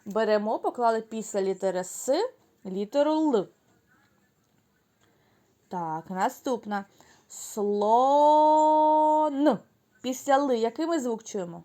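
A woman teacher leading a lesson for young children, speaking slowly and clearly, drawing words out syllable by syllable and praising the class. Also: fairly high pitch, animated, warm tone. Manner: praising, answering her own questions.

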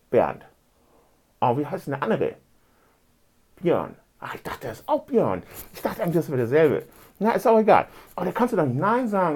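A man's voice: a little high, darkish tone. A man doing a rambling comic phone monologue, grumbling indignantly and tagging almost every phrase with a questioning "ne". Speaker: comedian in a fake phone call. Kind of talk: comedic monologue and one-sided phone call.

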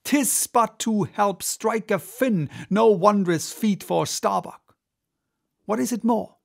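Man acting Captain Ahab, creaky and commanding. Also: high voice, takes it slowly, voice pushed up, full character voice. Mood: fierce, goading. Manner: intense, theatrical, declamatory. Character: obsessed, commanding, vengeful old male whaling captain.

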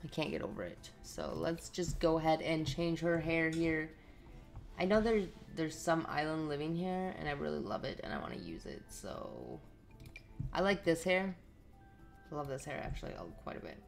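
A woman's voice: low-pitched, animated, moderate pace, vocal fry, soft background music. A woman giving casual running commentary while playing a life-simulation game, chatting to the characters on screen. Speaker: let's play host.

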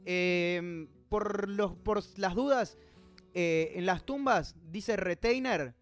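Male host, high voice, reads a manga live and picks at the details; faint music bed. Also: slow pace. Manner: reads dialogue aloud, stops to puzzle over details; reads out chat comments. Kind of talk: reading a manga aloud with live commentary.

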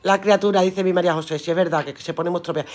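A woman's voice: lowish voice, steady tone, racing, a little mellow. Brief: woman, live-stream seller, chatty and earthy, swears casually, laughs a lot. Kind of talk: casual live-stream chat reading viewer comments aloud.

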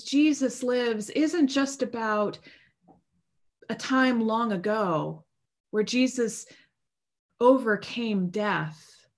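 A woman in her thirties, a priest, preaches a sermon over a video call from a home room lined with bookshelves, picked up by a webcam mic. Her voice is on the high side with a darkish tone, and her delivery is casual and earnest, full of fillers and restarts.

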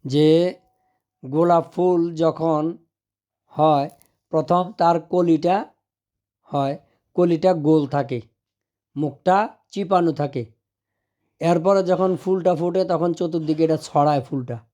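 A man teaching Arabic letter pronunciation, patiently explaining and drawing out each sound slowly. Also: fairly high pitch, warm tone. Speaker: madrasa teacher.

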